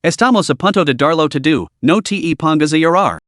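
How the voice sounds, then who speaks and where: A man's voice: on the high side, lively intonation, moderate pace, fairly bright tone, dry recording, clean studio sound. A man reading the lines of a proud, hot-tempered young girl cultivator, indignant and stubborn.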